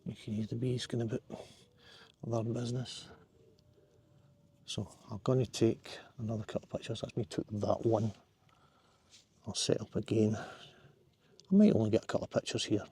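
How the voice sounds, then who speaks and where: A man's voice: fairly low pitch, fairly even intonation, normal speed, long pauses, warm tone, breathy edge. A middle-aged Scottish man, a landscape photographer, chatting to himself in a casual vlog while hiking through riverside woods outdoors.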